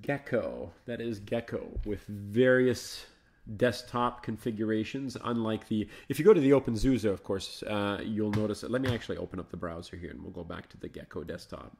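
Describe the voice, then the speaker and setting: A man with a somewhat low voice talks through a live screen demo. He thinks aloud in a loose, chatty way, coaxing stalled programs with friendly asides to viewers. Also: moderate pace, creaky, darkish tone. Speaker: host of a live Linux show. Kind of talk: casual live screencast commentary.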